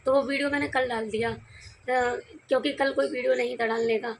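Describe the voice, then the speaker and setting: A young woman from India with a hoarse voice, telling her viewers a story in a casual, confiding vlog chat. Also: high voice, fairly even intonation, fairly quick, a little hiss or hum. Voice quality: gravelly. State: hoarse from crying and shouting. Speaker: vlogger.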